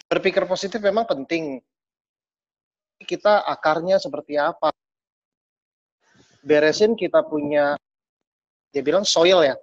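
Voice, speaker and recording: A man's voice: a little high, unhurried, pauses often, dry recording, dull audio. A man giving a casual motivational talk over an online call, his audio choppy and cutting in and out from a bad connection, rambling and restarting his sentences in informal slang.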